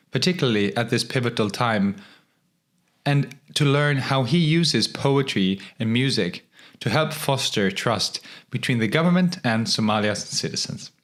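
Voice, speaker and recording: A man hosting a podcast, reading a scripted introduction and asking questions in a measured, formal way. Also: medium pitch, a bit bright. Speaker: podcast host.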